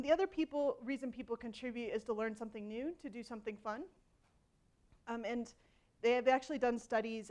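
A keynote speaker in her forties addresses a large conference hall from the stage via a headset mic, her voice a little high. She speaks loosely and conversationally, with lots of ums and restarts and a self-deprecating sense of humor.

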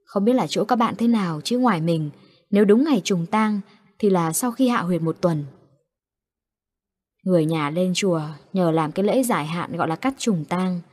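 A woman, narrating horror stories in a calm, matter-of-fact way. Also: fairly low pitch, normal speed. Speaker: storyteller.

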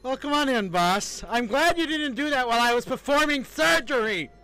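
A man reacting loudly and with agitation while live-streaming a game. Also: extremely high pitch, expressive, moderate pace, clean tone, rough recording. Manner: loud, agitated.

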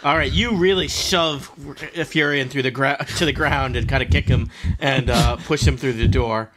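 A middle-aged man with a mid-pitched voice acts as game master for an online tabletop game. He narrates conversationally and a little haltingly from a room at home. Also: very noisy.

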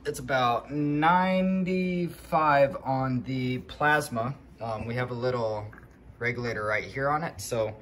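A man in his home garage workshop casually shows viewers how to do a hands-on DIY project, talking to them as "guys." His medium-pitched voice is unhurried and a bit bright, and the handheld recording has clear background noise.

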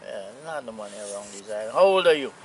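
A man in his eighties from Anguilla with a Caribbean accent, reminiscing casually in an unhurried, plainspoken way. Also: on the low side, expressive, a crowd in the background. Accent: Anguillan Caribbean English. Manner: unhurried, plainspoken old seaman's talk with pauses. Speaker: retired sea captain, interviewee. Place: outdoors on a seaside hillside. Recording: outdoor camera audio with noise.

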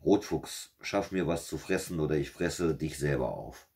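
A man reading a fairy tale aloud, voicing a greedy, bullying male wolf with a gruff, demanding manner. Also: a bass voice, moderate pace, darkish tone.

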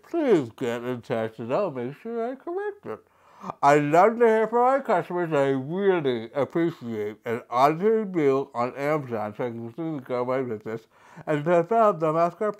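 A woman's voice: deep voice, darkish tone. Woman talking around a mouthguard. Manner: playful and jokey, reading instructions aloud. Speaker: unboxing video host. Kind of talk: casual unboxing vlog.

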